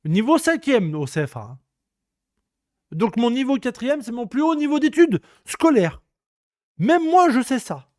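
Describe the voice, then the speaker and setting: A man around thirty from France rants on his stream in a high, fired-up voice, peppering everything with crude slang and repeating himself for emphasis. The sound is dry and close, with no room in it. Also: very animated, a little slow, dry recording. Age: about 30. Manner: indignant, crude slang, repetitive. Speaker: streamer hosting a free-talk show. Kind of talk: casual ranting monologue.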